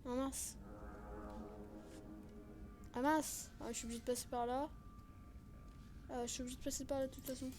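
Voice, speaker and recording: A woman from France streaming a video game, chatting excitably with her viewers and laughing at her own mistakes. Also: sits high, normal speed, long pauses, noisy background. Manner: chatty, excitable, self-mocking, talks to chat. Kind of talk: casual let's-play commentary. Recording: game music playing underneath. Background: video game music.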